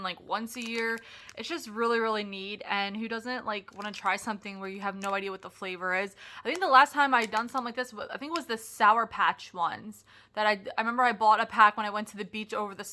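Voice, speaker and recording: A young woman talks through a snack review for her vlog in a bright, clear-toned voice. She is chatty and excitable, full of "like" and half-finished restarts. Her pitch sits in an ordinary middle range for a woman. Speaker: product reviewer.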